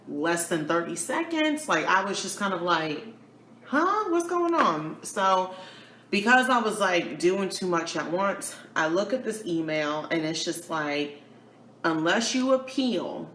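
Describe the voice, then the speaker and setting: A woman telling a storytime on her vlog, chatty and animated, acting out what people said with big jumps in pitch. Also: reverberant, slight background noise. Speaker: YouTuber and kindergarten teacher.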